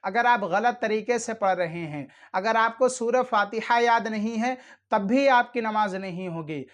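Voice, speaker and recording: A man hosting his channel, giving earnest religious instruction and repeating his warnings while speaking formally to viewers. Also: high voice. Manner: addresses viewers directly and formally. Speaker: channel host teaching prayer rules.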